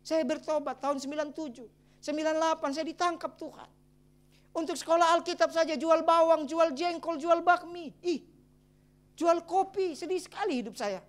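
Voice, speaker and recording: A middle-aged man, a pastor, preaching a sermon and telling his own story in a lively way with exclamations and chuckles. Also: very high voice, normal speed. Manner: addresses the congregation as brothers and sisters. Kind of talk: sermon with personal testimony.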